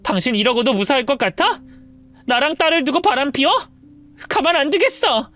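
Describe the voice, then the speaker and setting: A woman's voice: high-pitched, animated, fairly quick, a bit bright, faint music behind, voice pushed up. A woman voicing a betrayed wife who confronts her cheating husband. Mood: furious. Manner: indignant, pleading. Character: wronged wife with a limp, shaken and furious.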